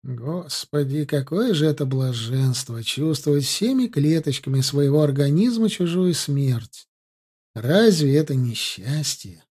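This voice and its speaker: Sinister gloating gentleman for an audiobook, slow and savoring, a male narrator doing it with a husky, mellow voice. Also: on the high side, expressive. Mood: gloating, ecstatic. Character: cruel, gloating man relishing a young woman's death. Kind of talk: audiobook character reading.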